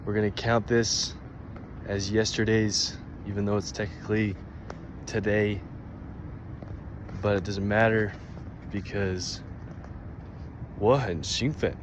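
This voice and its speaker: A man's voice: on the low side, steady tone, slow pace, long pauses, background noise. A man who is a native English speaker, keeping a casual video diary of his language learning and practising phrases. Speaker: language learner vlogging daily progress.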